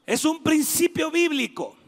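A man preaching a lively sermon to young people in a church hall, joking and shouting for emphasis. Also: very high voice, a little slow. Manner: animated, jokes and asides, shouting for emphasis. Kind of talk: lively sermon to a youth congregation. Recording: long echoing hall reverb.

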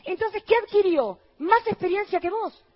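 Woman pastor, Argentine accent, very high-pitched, lively sermon with mocking asides, muffled recording. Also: moderate pace. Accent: Argentine Spanish. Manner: lively preaching, rhetorical questions to the crowd; mocking voices for quoted people, dropping low. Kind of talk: sermon to a congregation.

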